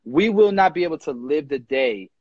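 A young man speaks with a somewhat husky, fairly high voice, pressing his points with passion and quick restarts. His voice comes close and dry through a phone held at arm's length, and the sound is dull and lo-fi. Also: animated, a little mellow, no room sound. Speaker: barber educator, live stream host. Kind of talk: casual live chat. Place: indoor room with ceiling fan. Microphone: phone front camera at arm's length.

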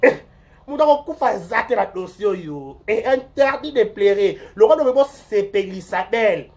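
Speaking at a normal speed with a medium pitch, a Congolese-accented online host offers rambling, energetic gossip talk, repeating words and alternating between outbursts and mutters.

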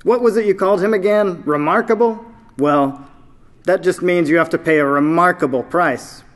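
A man reading aloud, voicing a greedy, loud male slave trader who sneers and yells. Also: high-pitched, normal speed, voice pushed up, close to an everyday voice. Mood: scheming. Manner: yelling, sneering.

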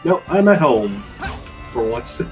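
A man's voice: mid-range voice, sing-song, takes it slowly, a little mellow, soft background music. A man chatting casually as a stream co-host from home, his remote mic sounding muffled and boxy, like he is inside a closet. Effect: muffled boxy mic, like talking from inside a closet. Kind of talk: casual chat.

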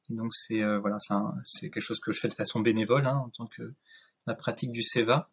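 A husky man in his thirties, his mid-range voice fairly bright, is a guest on a video call interview from a room at home. He talks it over casually and thoughtfully, with lots of fillers and restarts.

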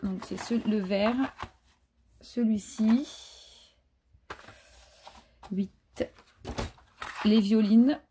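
A woman's voice: mid-range voice, steady tone, very slow, long pauses, mellow, slight background noise. A woman chatting casually through a craft haul, hesitant and full of fillers. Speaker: craft vlogger. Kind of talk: casual haul show-and-tell.

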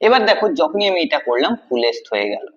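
Male tutor, high voice, quizzes and answers himself, repeats key words; muffled low-fi recording. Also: very animated, quick pace. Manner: asks questions then answers them, repeats key words. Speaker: English grammar teacher. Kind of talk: classroom-style video lesson.

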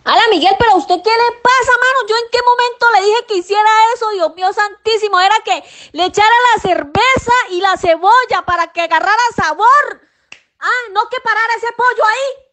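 Woman as fed-up coastal mom, very high voice, nagging and swearing, comedy sketch. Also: a bit bright. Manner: nagging, scolding, cursing. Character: exasperated scolding mother of a grown son. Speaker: sketch actor.

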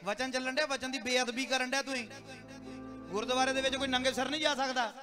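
Male pastor, high-voiced, preaching call-and-response over live music. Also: steady tone, quick pace. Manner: scolding, rhetorical questions to the congregation. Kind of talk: Punjabi sermon with call-and-response. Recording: live church PA with music and crowd.

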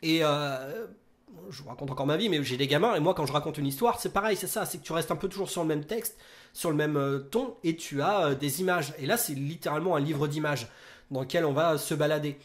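A man's voice: on the high side, a little fast. A man in his thirties talking casually about films as a critic, hesitant, with many fillers and restarts. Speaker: film critic. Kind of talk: casual film discussion.

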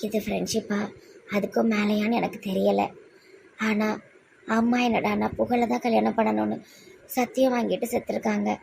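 A woman's voice: mid-range voice, level tone, moderate pace, creaky, long pauses, a little mellow, slight background noise. A woman playing a tender-hearted young clinic doctor in a comedy skit, with a Tirunelveli Tamil accent and a tearful, exclaiming manner. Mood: wistful. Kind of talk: amateur comedy skit acting.

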